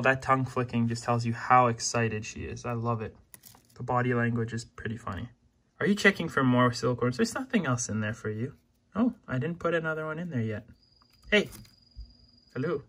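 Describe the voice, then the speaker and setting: A man narrating a casual pet-care vlog in the reptile room of his home, speaking at a middling pitch. He talks fondly to his lizards, coaxing and praising them, breaking into excited exclamations along the way. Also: normal speed, long pauses. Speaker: reptile keeper and channel host. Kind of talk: casual vlog narration while feeding pets.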